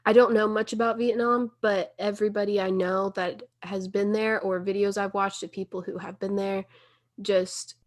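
A woman's voice: mid-range voice, little pitch movement, normal speed. Hesitant twenty-something woman podcaster. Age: 20s. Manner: thoughtful, hesitant, lots of fillers like "um" and "like". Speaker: podcast co-host. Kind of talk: casual Q&A chat.

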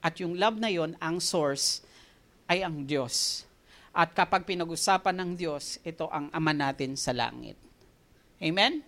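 Preaching a sermon, a Filipino-accented woman blends Tagalog with English and tells lively stories, frequently laughing at herself. Her voice is low and her pace unhurried.

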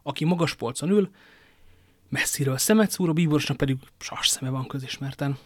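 A bold young swordsman in a storybook, commanding and quick-witted, as a male reader puts him on. His voice sits a little high and carries brisk authority. The recording is close and completely dry. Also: no echo, lightly acted. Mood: urging.

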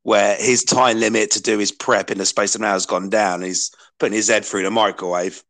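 A man's voice: fairly low pitch, fairly even intonation, fairly quick, a bit bright. Co-host guy, swears a lot, laughs through his stories, easygoing chat. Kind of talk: casual radio chat.

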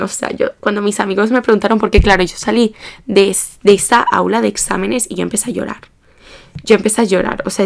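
A young woman of about eighteen, hosting a podcast and telling a personal story in a rambling, animated, self-mocking way. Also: a little high, creaky. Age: young adult, about 18. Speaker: podcast host.

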